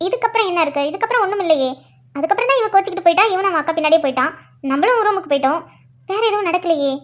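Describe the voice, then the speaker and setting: A woman's voice: very high voice, lively intonation. A woman voicing a sly, defensive, scheming aunt in a family cartoon. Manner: sly, self-pitying, quick. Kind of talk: cartoon voice acting.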